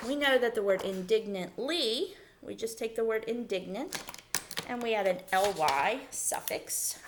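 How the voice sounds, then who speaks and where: A woman teacher reading a children's chapter book aloud to young students, with a lively voice that rises and falls a good deal. She pauses the story to explain words in a patient, explanatory way. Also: mid-range voice, background noise. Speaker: elementary school teacher.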